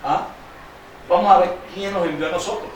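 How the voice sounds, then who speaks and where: A man preaching a sermon, quizzing his congregation with call-and-response questions and reading scripture slowly with emphasis. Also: high voice, fairly even intonation, slight background noise. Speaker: pastor. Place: church sanctuary. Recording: very echoey church hall, distant mic.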